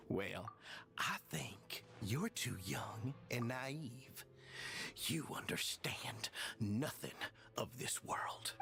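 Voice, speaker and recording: A man's voice: mid-range voice, gravelly, bright, forceful tone, heavily acted. An actor playing an arrogant, cruel male prison official who talks in a sneering, harsh, intense way, from a game with music behind.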